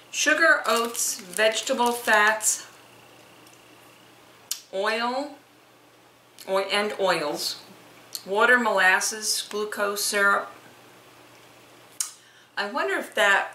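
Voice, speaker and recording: A woman's voice: mid-range voice, animated, takes it slowly, long pauses, pushed and bright. A middle-aged woman vlogging a casual snack taste test, chatty and homey, thinking aloud as she goes. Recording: echoey room with clear noise.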